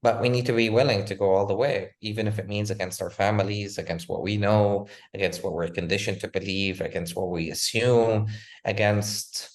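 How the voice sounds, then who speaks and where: Low-voiced man making an impassioned case. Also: steady tone, moderate pace. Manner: rhetorical, emphatic, repeats "again" and "right?". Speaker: guest author. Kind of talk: impassioned interview talk.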